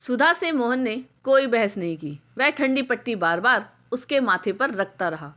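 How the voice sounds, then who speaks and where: Emotive woman storyteller, fairly high voice. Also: expressive, moderate pace, bright, forceful tone. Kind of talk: scripted story narration.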